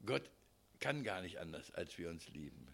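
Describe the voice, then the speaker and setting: A man preaching a sermon, addressing the congregation directly and swinging between loud emphasis and hushed asides. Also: low-pitched, sing-song, normal speed, vocal fry, a little hiss or hum.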